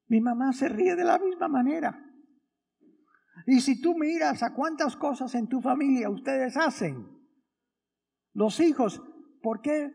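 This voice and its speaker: A man's voice: extremely high pitch, measured pace, vocal fry, pauses often, darkish tone. A man, a priest, giving a conversational Sunday homily and asking the congregation many rhetorical questions. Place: church during Mass. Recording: long church reverb.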